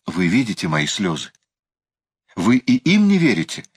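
A man's voice: medium pitch, expressive, normal speed, fairly bright tone. A man reading a novel aloud and voicing a loyal young girl, speaking fervently and reassuringly. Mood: tearful. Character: earnest young Scottish girl, loyal and proud.

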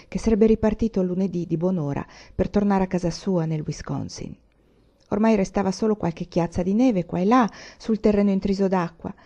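Steady, measured woman audiobook reader, low and mellow on a dull lo-fi recording. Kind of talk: audiobook reading. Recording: muffled lo-fi recording.

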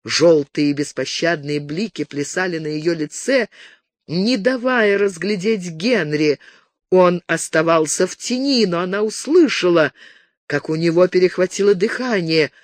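A man reading a romance novel aloud as narrator with measured, expressive delivery. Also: high voice, no echo. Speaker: audiobook narrator. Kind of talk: scripted narration.

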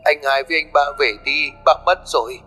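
A man's voice: medium pitch, brisk, big-room sound, faint music behind, pitched above the performer's own voice, close to an everyday voice. A man voicing a panicked young woman crying over her father. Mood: sobbing. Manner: sobbing, pleading.

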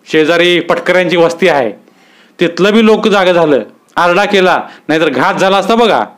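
A man's voice: sits high, moderate pace, pitched above the performer's own voice, close to an everyday voice. A man reading a story aloud, voicing an anxious, earnest tenant farmer. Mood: urgent.

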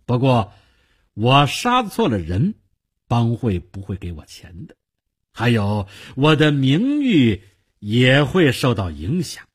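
A man doing a husky, terse hired gunman. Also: mid-range voice, wildly swooping pitch, slow, exaggerated voice. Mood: wary. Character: wary adult male hired gunman, blunt and practical.

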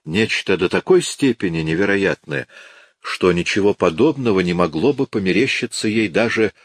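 A man narrating an audiobook in a measured, dramatic reading. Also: low voice, lively intonation, dry recording, studio quality. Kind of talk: scripted narration.

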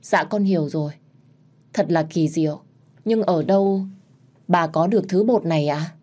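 A woman's voice: fairly low pitch, moderate pace, dark tone, lightly acted. A woman voicing an anxious young heroine who speaks politely to her elders.

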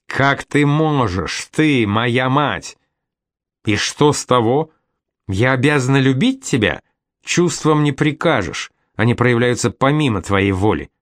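Brief: male reader doing a tearful mother, shaky and raised in pitch, dry booth sound. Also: animated, measured pace, dry recording, close to an everyday voice. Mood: trembling, defensive. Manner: trembling, on the edge of hysteria. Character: distraught middle-aged mother, tearful, defensive.

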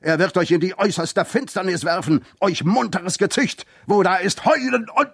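A man's voice: high voice, moderate pace, creaky, fairly bright tone, breathy edge, no room sound, studio quality, voice pushed up, exaggerated voice. A man doing a shrieking, raging drunk. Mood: raving preacher. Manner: shrieking, ranting, cursing. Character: raging drunken man screaming curses in the street. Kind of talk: dramatized reading.

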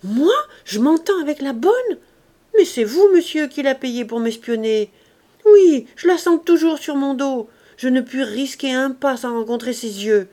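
A proud young bourgeois wife from a storybook reading, her voice shrill, loud and cutting as she hurls her indignation, as a woman reader puts her on. She sits high in the voice and jabs every phrase. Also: measured pace. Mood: outraged.

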